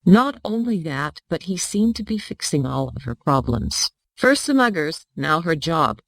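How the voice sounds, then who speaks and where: A text-to-speech narrator reads a storybook in an even, steady manner. The voice has a gravelly, creaky grain. The sound is dry and close, with no room around it. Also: medium pitch, unhurried, dry recording, rough recording. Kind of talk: synthetic audiobook narration.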